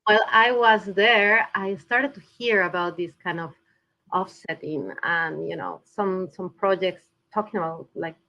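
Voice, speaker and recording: Over a video call, a Peruvian woman who researches climate joins a podcast as a guest, pausing thoughtfully and frequently restarting while hunting for words. Her fairly low voice is sharp in tone, fairly even in intonation and a little slow, with dull audio.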